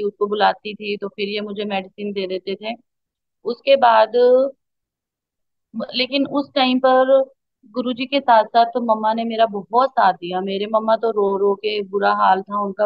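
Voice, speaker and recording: A woman's voice: mid-range voice, no echo. A woman sharing an emotional personal testimony at a satsang. She speaks to the congregation and mixes English words into her speech. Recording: dull, dry recording.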